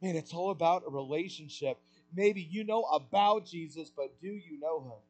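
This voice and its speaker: A man preaching a sermon with passion, asking rhetorical questions and swelling louder on key points. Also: on the high side, normal speed, faint music behind, poor audio.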